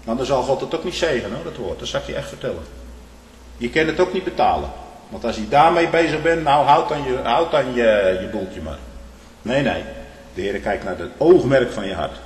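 A man's voice: medium pitch, expressive, brisk. Man preaching in an echoing church. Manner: tags phrases with "hè", swings from loud emphasis to hushed. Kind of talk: sermon. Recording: echoey hall with long reverb.

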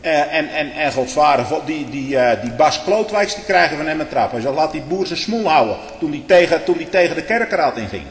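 Fervent lay preacher, male, animated pitch, swings between booming and hushed, big reverberant hall. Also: a little fast, few pauses. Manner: impassioned, swings from loud to hushed, repeats tag questions. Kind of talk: fervent religious testimony. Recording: echoey hall with long reverb.

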